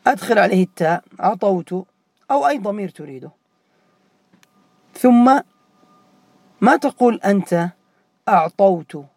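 A man with a high, gravelly voice teaches a classroom grammar lesson. He repeats the key forms and questions his students by name. The sound is close and dry, with no room echo. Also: animated, moderate pace, pauses often.

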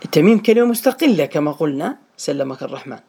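A man's voice: on the high side, animated, fast, dark tone. A man teaching a small class, patient and often checking that his students follow.

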